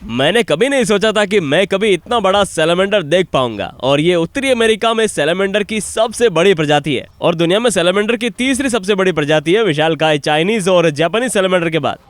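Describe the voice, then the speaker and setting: A man presenting an outdoor wildlife show in an excited, explaining way, exclaiming often. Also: sits high, fairly quick, hardly any pauses, no room sound. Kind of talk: Hindi dub of an outdoor wildlife vlog.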